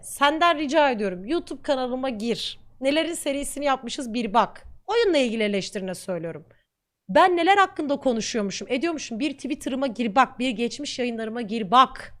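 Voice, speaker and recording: A woman streamer speaks bluntly and defiantly, talking at length. Her high voice is bright and lively, swinging widely in pitch. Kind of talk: reacting to comments on camera.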